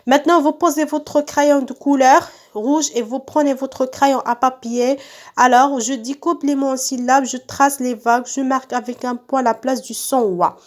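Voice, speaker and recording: A woman's voice: high voice, fairly even intonation, moderate pace, darkish tone. A woman teaching young pupils in a recorded lesson, stretching out and repeating each word so children can follow. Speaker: primary school teacher. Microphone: phone.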